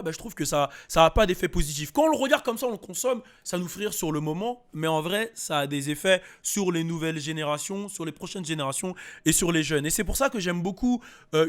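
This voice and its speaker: A man's voice: high-pitched, fairly bright tone. A man of Antillean background giving a casual spoken commentary, thinking aloud with many fillers and restarts. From French Antilles. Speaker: host. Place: United States.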